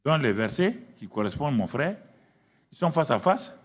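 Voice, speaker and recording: A man's voice: a little high, sing-song, normal speed. A middle-aged man with a West African French accent preaching a sermon, emphatic and repetitive, addressing the congregation directly. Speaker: pastor.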